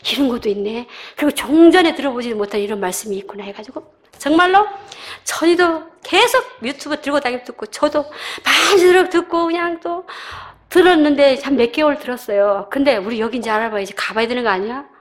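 A middle-aged woman giving a personal church testimony, telling her story with animated delivery, acting out voices and laughing. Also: fairly high pitch.

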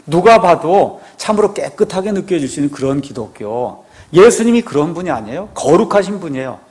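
A man's voice: on the high side, very animated, a little fast, a little mellow. A man, a pastor, giving a conversational sermon, asking his congregation rhetorical questions and often affirming himself with a short "yes".

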